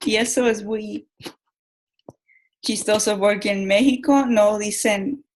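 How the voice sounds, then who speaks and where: A young woman talks through a class presentation at a slow, unhurried pace, stopping and restarting her words often. Her pitch sits in a middle range. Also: steady tone, low-quality recording. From Mexico. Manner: halting, many restarts and repeated words. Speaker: student giving a class presentation. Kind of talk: school presentation.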